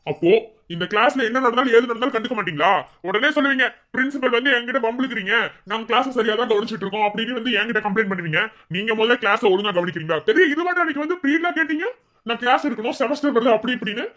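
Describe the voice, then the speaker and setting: A man's voice: extremely high pitch, lively intonation, very fast, bright, forceful tone, full character voice. A man voicing a strict male college principal who scolds staff and students. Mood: stern. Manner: lecturing, scolding.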